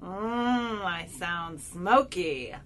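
A woman's voice: fairly low pitch, very slow, a little hiss or hum. An actress playing a sarcastic woman show host who has been drinking, with a smoky voice and a rambling manner. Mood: ranting. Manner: sarcastic, rambling, swings loud and soft. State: tipsy from drinking. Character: tipsy sarcastic woman podcast host, prickly. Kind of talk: audio drama.

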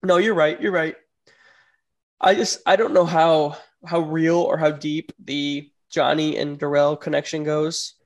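A man's voice: a little high, level tone, measured pace. A young man co-hosting a casual podcast chat, easygoing and agreeable, often hedging his opinions. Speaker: podcast co-host.

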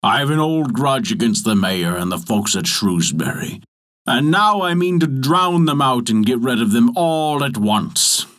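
A man voicing a wicked old male giant in a folk tale, speaking slowly with tired groans. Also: medium pitch, big pitch swings, fairly bright tone. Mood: grudging.

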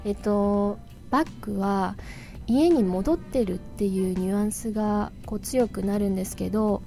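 Woman English tutor, mellow tone, patient explainer, repeats phrases slowly. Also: medium pitch. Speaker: English teacher. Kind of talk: casual spoken lesson. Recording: faint music behind.

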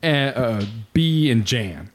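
A man hosting a casual podcast, retelling a crime story in a lively, swearing way. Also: medium pitch, slow pace. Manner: animated storytelling with swearing and laughs. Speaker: podcast host. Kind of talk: casual true-crime chat.

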